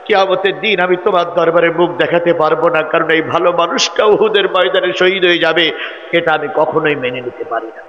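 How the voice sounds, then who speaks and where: A man's voice: high voice, long reverb tail, muffled recording. A preacher voicing a tearful old mother. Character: grieving elderly desert mother, tender and fearful.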